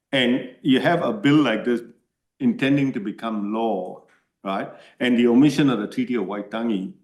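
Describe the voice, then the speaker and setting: An earnest Malaysian man whose first language is Tamil answers questions as a submitter to a parliamentary committee. His voice is mid-range, he repeatedly asks "right?", and the room is echoey.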